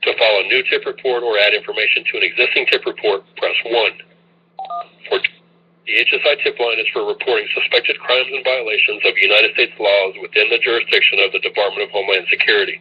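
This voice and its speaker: A man's voice on a recorded automated phone menu, reading formal, scripted prompts in an even, instructional way. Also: on the low side, a little fast. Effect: recorded automated phone menu message. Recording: tinny phone line, husky.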